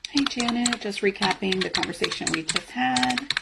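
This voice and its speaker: A woman's voice: medium pitch, moderate pace, gravelly, heavy background noise. A woman playing an assertive, sardonic office employee in a workplace comedy skit, speaking firmly, bluntly and with sarcasm. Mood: curt, composed. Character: assertive, sardonic female office employee who refuses unpaid work.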